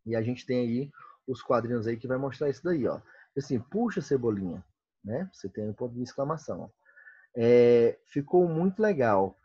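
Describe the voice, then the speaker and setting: A Brazilian Portuguese man teaches a grammar lesson and keeps asking his students if they follow. His voice is dark and a little husky. The recording is dry and dull. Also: mid-range voice, a little fast, no echo. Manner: checks in constantly, reads comic lines aloud.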